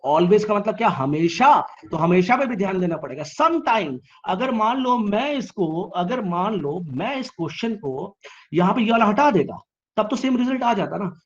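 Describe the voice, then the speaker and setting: A man tutoring a live online class, asking questions and answering them himself, teasing students to reply quickly. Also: high voice, lo-fi sound.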